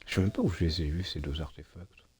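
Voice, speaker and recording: A man with a deep, slightly mellow, husky voice streams a video game, talking fast. He mutters to himself hesitantly and chats casually with viewers as he plays.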